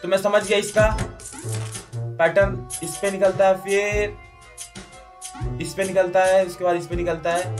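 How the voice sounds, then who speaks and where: A man giving jokey, excitable commentary over a mobile adventure game, yelping and protesting whenever his character dies. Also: sits high, measured pace, long pauses, over music. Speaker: gaming YouTuber. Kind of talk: Hindi gameplay commentary.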